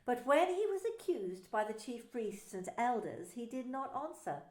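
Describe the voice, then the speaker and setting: Expressive woman narrating scripture. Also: on the high side, normal speed. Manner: expressive, dramatic storytelling. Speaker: narrator and minister. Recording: roomy echo.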